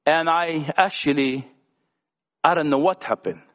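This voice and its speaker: A man's voice: on the high side, measured pace, a bit bright. A man sharing his personal testimony at a church gathering, talkative and earnest as he speaks to young people. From Lebanon. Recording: echoey hall.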